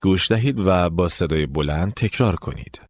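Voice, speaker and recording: With a low, expressive voice, the English teacher reads his course narration from a script, breaking things down step by step and having listeners repeat after him. The studio-quality recording carries no room sound.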